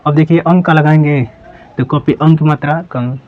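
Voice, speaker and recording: A man's voice: on the high side, steady tone, moderate pace. Patient man teaching, repeating each sound. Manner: patient, repeats each syllable, checks in with viewers. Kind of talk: slow step-by-step lesson. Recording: dull lo-fi sound.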